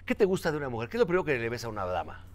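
A man's voice: medium pitch, very animated, racing. A man with a Mexican accent hosting a casual interview, teasing his guest with crude banter. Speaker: host.

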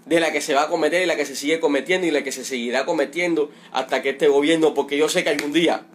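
A man's voice: a little high, steady tone, a little hiss or hum. A middle-aged Cuban man, a father of a detained protester, making an emotional, indignant and repetitive appeal in a livestream. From Cuba. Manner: pleading, indignant, repetitive, drawn-out emphasis.

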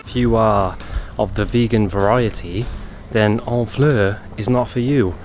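A man's voice: fairly low pitch, unhurried, music in the background. A British man vlogging casually outdoors in a small town, laid-back and often laughing. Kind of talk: casual travel vlog chat.

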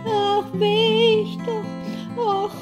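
A woman singing as a tearful little bookworm lost in the snow, in a slow, plaintive children's song with guitar. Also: extremely high pitch, level tone, voice pushed up, heavily acted. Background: guitar accompaniment.

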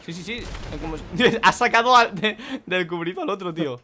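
Excitable young man gaming. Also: high-pitched, normal speed, a little hiss or hum. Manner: excitable, swearing, loud outbursts and laughter. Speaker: gaming YouTuber. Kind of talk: excited co-op gameplay chat.

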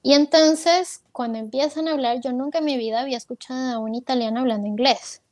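A woman's voice: high-pitched, fairly quick, darkish tone, no echo. A woman telling her story as an interview guest, candid and full of fillers, quoting her own thoughts aloud. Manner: candid, retells with quoted self-talk and many fillers.

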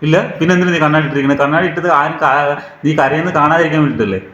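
A man's voice: a little high, quick pace, fairly bright tone. A man from Kerala, a father vlogging at home and playfully quizzing his small child. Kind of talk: casual family vlog. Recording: roomy, dull, noisy home recording.

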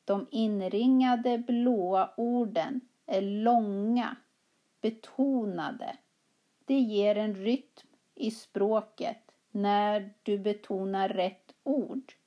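A woman teaching a language class, reading both parts of a practice dialogue slowly and clearly with careful articulation. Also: medium pitch, highs cut off. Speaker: Swedish teacher.

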